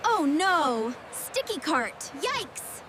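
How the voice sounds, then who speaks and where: A woman voicing an excitable little winged cartoon critter, squealing exclamations and reading sound effects aloud. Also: drawn-out words, heavily acted. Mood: excited. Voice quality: squeaky, shrill. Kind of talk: cartoon dialogue. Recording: loud background noise.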